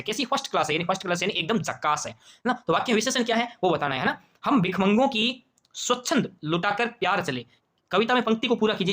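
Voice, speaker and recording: A man's voice: sits high, a bit bright. A man with a Rajasthani Hindi accent walking through an exam paper as a teacher, asking questions aloud and repeating them. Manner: quizzing, repeats questions and answers to himself. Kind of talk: exam paper walkthrough lesson.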